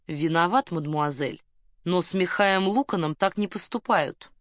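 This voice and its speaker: A woman voicing a pompous, boastful male colonel who flirts in a low, smug murmur, in an audiobook. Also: a little slow, no room sound, clean studio sound, close to an everyday voice. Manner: smug, lowers voice to a suggestive murmur.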